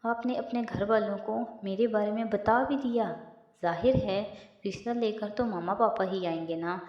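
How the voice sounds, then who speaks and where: A woman's voice: mid-range voice, measured pace, lightly acted. A woman voicing a teasing young man in love. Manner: teasing, mischievous. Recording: echoey room, slightly dull.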